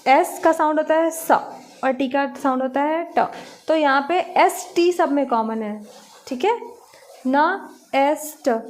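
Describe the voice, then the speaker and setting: Slow high-voiced Indian phonics teacher. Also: female voice, darkish tone. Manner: slow, sounding out letters one by one. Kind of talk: classroom phonics lesson for young children.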